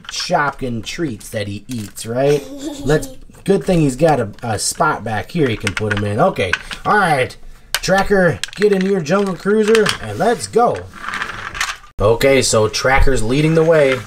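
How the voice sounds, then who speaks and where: A woman hosting a toy channel, telling an animated story with toys and asking a child questions along the way. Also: low-pitched, unhurried, background noise.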